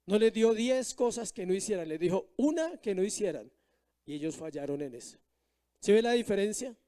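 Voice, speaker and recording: A man's voice: high-pitched, lively intonation, moderate pace, mellow. A male pastor preaching a sermon to his congregation, reading scripture verses aloud and putting rhetorical questions to the listeners.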